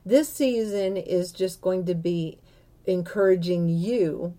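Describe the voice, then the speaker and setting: A woman hosting a prayer series, speaking in an earnest, unhurried way with soft pauses and small restarts. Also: lowish voice. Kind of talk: slow, gentle spoken introduction.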